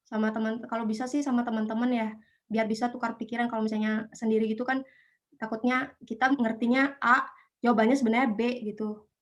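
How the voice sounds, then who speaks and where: Chatty young woman, slightly high voice. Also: little pitch movement, quick pace. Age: young adult. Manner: chatty, hesitant with many fillers. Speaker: guest, student abroad. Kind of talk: casual online interview.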